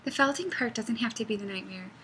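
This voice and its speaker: A woman's voice: on the high side, fast, slight background noise, rough recording. A woman giving a casual knitting and felting tutorial at home, rambling and chatty, with frequent laughs. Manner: rambling, chatty, goes off on tangents; animated, laughs often. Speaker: knitting pattern designer.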